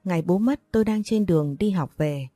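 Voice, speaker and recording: A woman reading a first-person story aloud in a measured, emotive storytelling manner. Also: lowish voice, mellow, no room sound, soft background music. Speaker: audiobook narrator.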